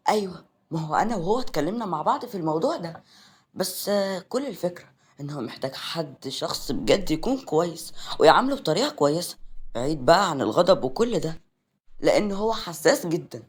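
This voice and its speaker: A man's voice: a little high, animated, quick pace, breathy edge. A man voicing a caring young sister in an Egyptian accent, in a read-aloud story. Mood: gentle.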